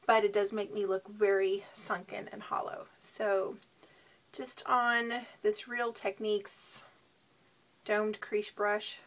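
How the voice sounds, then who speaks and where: A woman giving a casual beauty product demo, sounding tired and sleep-deprived, with a husky, creaky voice. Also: mid-range voice, fairly bright tone. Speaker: beauty reviewer.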